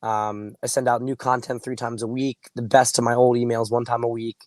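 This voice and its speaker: A man hoarse with laryngitis, sounding muffled, gives casual coaching advice in deliberate, emphatic phrases, now and then clearing his throat. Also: medium pitch, flat delivery, darkish tone, no room sound, clean studio sound. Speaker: dating coach and host. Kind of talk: casual straight-to-camera advice talk.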